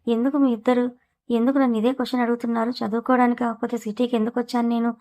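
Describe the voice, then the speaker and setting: A woman storyteller doing an innocent, coy young bride who answers politely and bashfully. She talks fast and without much melody, in a slightly high voice. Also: flat delivery, mellow, close to an everyday voice.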